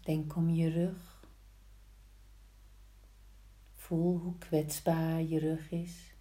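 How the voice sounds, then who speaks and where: A woman guiding a yoga practice slowly, in a soft, soothing, hushed voice with long pauses between short instructions. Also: low voice, flat delivery. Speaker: yin yoga teacher. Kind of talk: slow guided yoga instruction. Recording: roomy, echoing sound.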